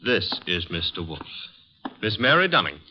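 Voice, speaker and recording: Breezy, animated sidekick Archie Goodwin. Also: male voice, lowish voice, moderate pace, slight background noise. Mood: wisecracking. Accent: American. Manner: breezy, glib. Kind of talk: 1950s American radio drama acting and narration. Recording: muffled vintage radio recording.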